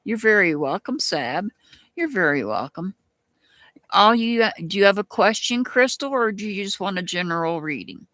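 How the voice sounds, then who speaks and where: On a live stream, this Southern-accented tarot reader works through readings and chat questions at a slow, musing pace, frequently starting over. The voice is medium in pitch, expressive and bright, with a forceful tone, captured in a dry recording.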